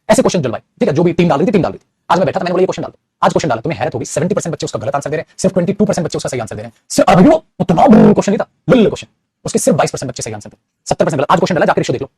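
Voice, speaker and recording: A young man teaching English grammar online. He talks very fast in a lively, high voice that swings widely in pitch. His tone is slightly husky, and the recording is dry and close. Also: dry recording. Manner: scolding, teasing, mixes Hindi and English. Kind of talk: online exam-prep lecture.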